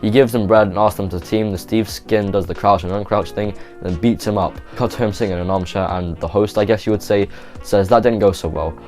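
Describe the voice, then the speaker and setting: Low-voiced man in offhand casual narration. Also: steady tone, brisk, a little mellow, faint music behind. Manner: rambling and offhand, with lots of "like". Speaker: YouTube host.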